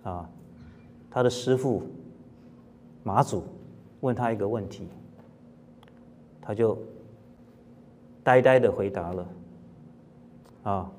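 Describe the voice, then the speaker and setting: A man teaching Buddhist scripture in a calm, plain-spoken lecture, asking his listeners rhetorical questions and now and then clearing his throat. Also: fairly low pitch, slow, pauses often. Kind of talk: dharma lecture.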